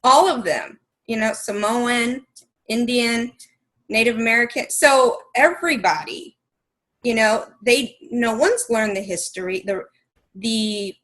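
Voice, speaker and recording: A woman talking thoughtfully on a podcast, slow and searching for words as she explains her point. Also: on the high side, a bit bright, rough recording. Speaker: podcast co-host. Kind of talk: casual conversation.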